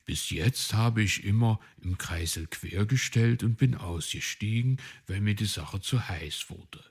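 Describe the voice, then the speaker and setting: A man's voice: fairly low pitch, unhurried, husky. A man voicing a modest, cautious little male gnome in a children's story, speaking mildly and candidly. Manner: candid, mild.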